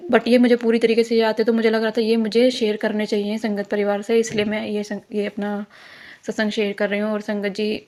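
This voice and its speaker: A woman's voice: medium pitch, completely flat delivery, brisk, a little mellow. A young woman giving an earnest devotional testimony, rambling with many restarts.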